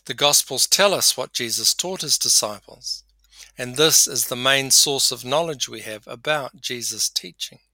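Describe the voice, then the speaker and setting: A man preaching a podcast sermon with measured storytelling. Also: medium pitch, bright, forceful tone, no echo.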